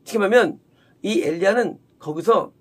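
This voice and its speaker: A man's voice: high-pitched, normal speed, husky. A man preaching a sermon, explaining a Bible passage verse by verse, often asking rhetorical questions and answering them himself. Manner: acts out the quoted woman in a raised, sharp voice.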